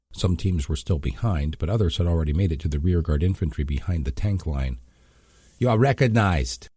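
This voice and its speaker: Deep, husky male narrator. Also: dark tone, no room sound, clean studio sound. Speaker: audiobook narrator. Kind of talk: scripted narration.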